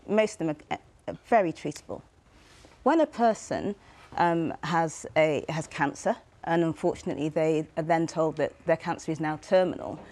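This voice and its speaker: A woman speaking for psychiatrists in a measured, explanatory interview. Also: fairly low pitch, darkish tone. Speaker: psychiatry spokesperson. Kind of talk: interview clip.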